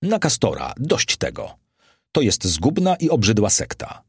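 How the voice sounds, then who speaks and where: A man's voice: fairly low pitch, wildly swooping pitch, measured pace, gravelly, husky, no echo, studio quality, exaggerated voice. A man voicing a worldly, ironic Roman aristocrat who speaks in a languid, wry, philosophizing way. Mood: scornful.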